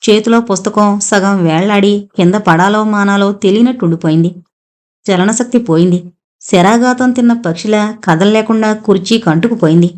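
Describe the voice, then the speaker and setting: Woman, audiobook narrator, calm even storytelling, scripted reading. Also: mid-range voice, moderate pace.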